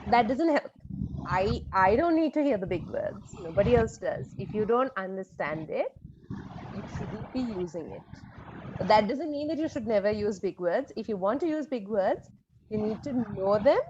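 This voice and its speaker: A woman's voice: mid-range voice, expressive, moderate pace. A woman teaching speech and drama, giving frank, encouraging feedback to her students over an online video call. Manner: encouraging but frank, with many ums and laughs. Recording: muffled video call with background noise.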